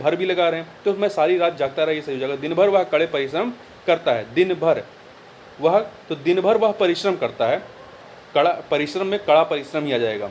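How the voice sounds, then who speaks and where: Walking through exam answers on a Hindi spelling test, this tutor repeats every word and spells out the corrections. He speaks a little high, with a faint hiss or hum behind him.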